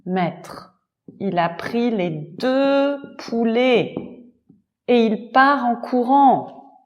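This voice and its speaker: A woman voicing a frantic young cook girl who shouts an urgent warning to her master. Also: fairly high pitch, lively intonation, extremely slow, pitched above the performer's own voice. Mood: alarmed.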